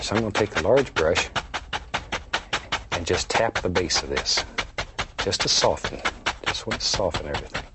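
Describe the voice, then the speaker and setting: Gentle painting teacher guy, deep soothing voice, folksy and encouraging, bit of noise in the background. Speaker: painting instructor and show host. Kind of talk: unscripted painting demonstration, talking while working.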